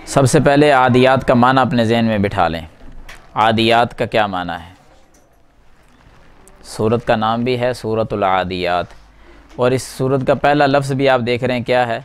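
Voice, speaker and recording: A man's voice: mid-range voice, pauses often, smooth. A man teaching a class at a whiteboard, explaining a verse word by word, putting questions to the students and answering them himself. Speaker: Quran teacher.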